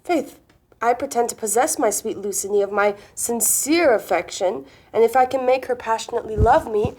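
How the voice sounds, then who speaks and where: A woman playing a gallant, sensible young gentleman in love, in mannered Restoration-comedy style. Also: fairly high pitch, moderate pace, husky, poor audio. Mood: earnest, gallant. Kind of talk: Restoration-comedy stage acting, mannered period dialogue.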